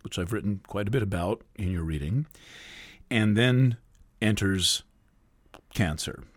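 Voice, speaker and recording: Slow, low-voiced male astrologer. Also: no echo, studio quality. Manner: thoughtful, hesitant, with many pauses and fillers. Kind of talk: spoken astrology forecast. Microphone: close voice recording.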